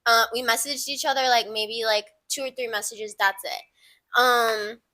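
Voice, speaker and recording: A woman's voice: fairly high pitch, a little slow. A young woman in her twenties co-hosting a podcast, chatting casually and telling stories animatedly, acting out what people said. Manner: animated storytelling, acts out quoted dialogue. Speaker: podcast co-host. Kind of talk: casual chat.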